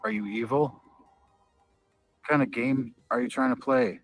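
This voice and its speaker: A man's voice: medium pitch, steady tone, unhurried, no room sound, faint music behind. A man talking casually as a paranormal investigator during a ghost hunt, putting questions to spirits.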